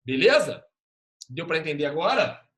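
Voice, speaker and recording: A man's voice: on the high side, sing-song, a bit bright. A male teacher giving an online class over a video call, patiently sounding out letters and syllables. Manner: patient, drawn-out spelling of sounds.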